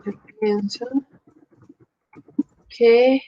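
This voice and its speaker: A woman teaches a grammar class at an unhurried pace. She explains patiently, one step at a time, building her points from examples. The audio is dull and lo-fi. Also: a little high, fairly even intonation. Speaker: Spanish teacher. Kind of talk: online grammar lesson.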